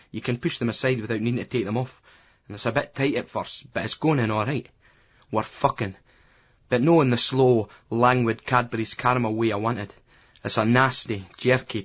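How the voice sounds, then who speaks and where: A Scottish man reads a first-person novel in a blunt, crude, offhand voice at a middling pitch. The recording is dull and lo-fi. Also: a bit bright. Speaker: audiobook narrator.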